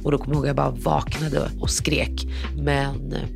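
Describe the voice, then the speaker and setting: Candid gravelly-voiced woman in her thirties. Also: a bass voice, level tone. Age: 30s. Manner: frank, emotional, acts out quoted dialogue. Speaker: guest telling her own story. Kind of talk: personal storytelling. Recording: music playing underneath.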